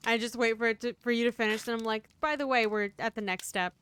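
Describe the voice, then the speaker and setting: A woman's voice: a little high, fairly even intonation, fairly bright tone, slight background noise. A woman streaming a detective game, chatting casually and laughing easily with her co-player. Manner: easygoing, quick to laugh. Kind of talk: casual gaming chat.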